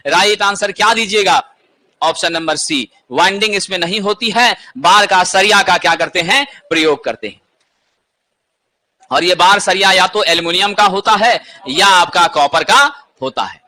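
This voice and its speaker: Guy teaching exam prep, high bright voice, keeps asking then answering. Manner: asks questions then answers them himself.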